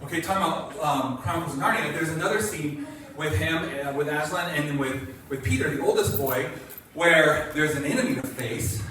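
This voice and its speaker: Male pastor, conversational sermon, slightly high voice, picked up from afar in a booming hall. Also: fairly quick, crowd noise. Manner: conversational, acts out quotes, asks the congregation. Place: church sanctuary. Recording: echoey church hall from a distance, faint noise.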